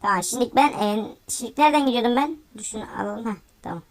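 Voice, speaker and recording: A woman giving excitable gameplay commentary, often exclaiming and laughing as she plays. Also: on the high side, fast. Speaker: gaming YouTuber.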